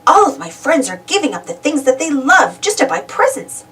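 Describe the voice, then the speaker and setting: A woman voicing an excitable, self-centred male cartoon duck from a storybook, exclaiming and wondering aloud eagerly. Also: high-pitched, moderate pace, distant mic, pitched above the performer's own voice. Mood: baffled.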